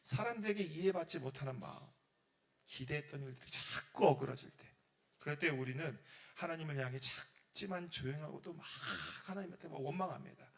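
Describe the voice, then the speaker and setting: A man, a pastor, giving a sermon to a youth group, acting out prayers and God's words in sudden loud bursts. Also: fairly high pitch, fairly quick.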